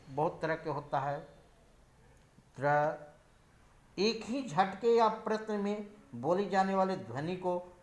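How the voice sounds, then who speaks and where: A man teaching a Hindi grammar lesson, explaining slowly and spelling out letters and example words one by one. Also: on the high side.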